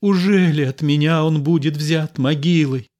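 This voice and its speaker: A man reading a play aloud and voicing a passionate young noblewoman, pleading and tearful with a raised pitch. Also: moderate pace, a little mellow, natural voice. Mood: grieving.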